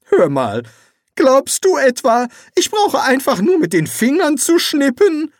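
A hapless, jumpy wizard from a spoken storybook, as a male narrator puts him on. He sounds high and fretful, tripping over his words with flustered exasperation. The voice swings widely and sits close and dry on the mic. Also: huge pitch swings, slow, no echo, full character voice. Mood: exasperated. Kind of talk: audiobook character voice.

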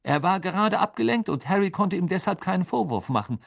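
A man narrating an audiobook in a lively, expressive reading style. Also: sits high, brisk, creaky. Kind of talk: scripted narration.

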